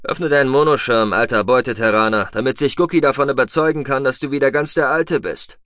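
A man's voice: mid-range voice, a little fast, a bit bright, dry recording, clean studio sound, pitched above the performer's own voice, lightly acted. A man voicing a wary, firm commander. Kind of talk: audiobook reading.

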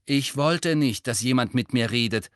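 A man's voice: medium pitch, animated, moderate pace, no echo, studio quality, voice pushed up, close to an everyday voice. A man voicing a sullen, irritable teenage boy who answers stiffly and curtly.

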